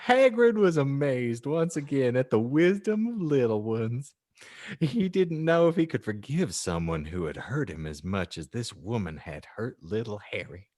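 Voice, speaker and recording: Measured in pace, this man's medium-pitched, darkish voice swings widely in pitch. As a podcast host and story reader, he narrates a comic audiobook with mock-earnest theatricality and drops in casual jokes along the way.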